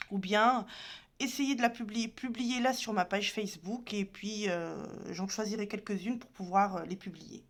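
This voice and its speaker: Woman teacher, unhurried, patient, walks through letters one by one while writing. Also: medium pitch. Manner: patient, spells out each letter and sound. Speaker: Arabic teacher. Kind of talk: slow step-by-step lesson.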